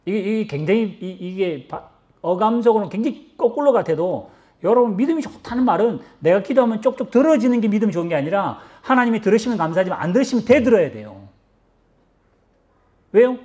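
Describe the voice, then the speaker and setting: Animated high-voiced Korean pastor. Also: male voice, fast. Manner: animated, acts out quoted lines, repeats words when searching. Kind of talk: sermon.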